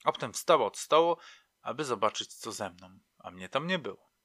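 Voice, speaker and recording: A man's voice: mid-range voice, lively intonation, moderate pace, a bit bright, no echo, clean studio sound. A man reading a novel aloud in a reflective, wry storytelling manner. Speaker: narrator. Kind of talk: audiobook narration.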